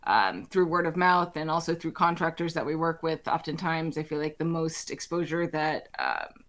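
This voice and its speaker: An Alaskan woman, architect and firm CEO, speaks as a thoughtful interview guest in a low, slightly bright voice at normal speed. In this casual conversation she restarts often, uses fillers and laughs lightly, speaking with conviction in a lowered register.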